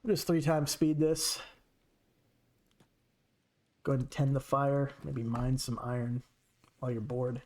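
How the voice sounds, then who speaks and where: A man's voice: medium pitch, level tone, measured pace, long pauses, darkish tone. Chatty man commenting on his game. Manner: chatty, talks to his characters. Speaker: streamer. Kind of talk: casual gameplay commentary.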